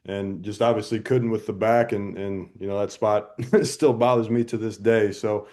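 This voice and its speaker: A man who pitched on the team, speaking haltingly about an injury that kept him out. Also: fairly even intonation, darkish tone. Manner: halting, starts over often. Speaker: former pitcher. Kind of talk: casual reminiscing.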